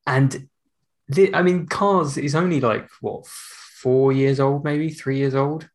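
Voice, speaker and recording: A man's voice: mid-range voice, fairly even intonation, slow. A British man chatting casually as a podcast co-host. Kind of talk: casual chat.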